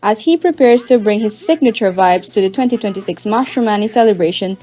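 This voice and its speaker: A woman's voice: mid-range voice, a little fast, warm tone. Woman narrating a dramatic news feature. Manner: dramatic, polished delivery.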